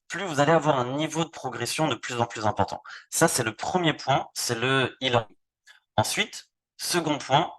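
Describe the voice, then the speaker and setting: A man from France hosts a live online presentation at a middling pitch. He talks loosely and often stumbles over repeated words while showing pages on screen. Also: fairly bright tone. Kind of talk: live webinar product demo.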